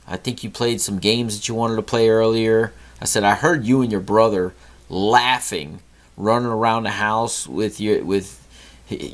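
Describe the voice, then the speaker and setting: A middle-aged man hosting a podcast, telling an earnest story about a talk with his son and lecturing on gratitude. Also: mid-range voice. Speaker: podcast host. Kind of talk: storytelling monologue.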